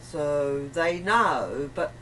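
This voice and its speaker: A woman with a deep yet fairly bright voice talks extremely slowly but animatedly in a casual, rambling chat. Emphatic and colloquial, she often acts out pieces of reported dialogue, heard through a distant mic with faint room noise.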